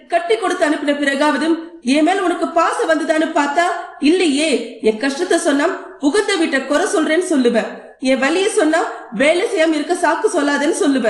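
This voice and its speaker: A woman's voice: high-pitched, reverberant, lightly acted. A woman voicing a hurt married daughter who asks her father pleading, reproachful questions in an audio novel.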